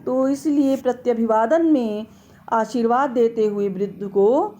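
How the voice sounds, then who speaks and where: A middle-aged woman giving a slow, explanatory lecture on a classical text, carefully drawing out vowels to demonstrate how they are pronounced. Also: a little high, warm tone, slight background noise. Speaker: Sanskrit lecturer.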